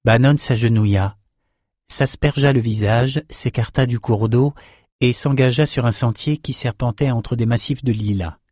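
A man narrating a fantasy audiobook in a measured storytelling manner. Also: mid-range voice, a little mellow, no echo, studio quality.

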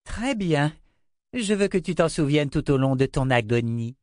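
A man reading an audiobook, voicing a vain, cruel queen with a shrill, imperious manner. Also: expressive, a little slow, darkish tone, no echo, clean studio sound. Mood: haughty, cruel. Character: vain cruel middle-aged queen, hysterical and haughty.

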